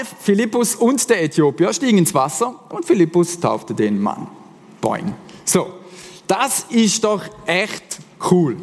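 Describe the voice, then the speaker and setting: A man with a Swiss German accent preaching a casual, animated sermon as pastor. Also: sits high. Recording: long hall reverb.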